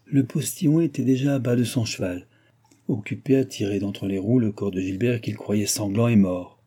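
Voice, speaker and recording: Guy reading a classic novel aloud, dark husky voice, dramatic but measured. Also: lowish voice. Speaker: narrator. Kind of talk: audiobook narration.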